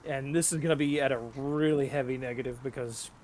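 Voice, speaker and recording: A man's voice: mid-range voice, steady tone, fairly quick, darkish tone. A man playing in a casual tabletop session, bantering and joking with the group. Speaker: player. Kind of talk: casual tabletop game chat.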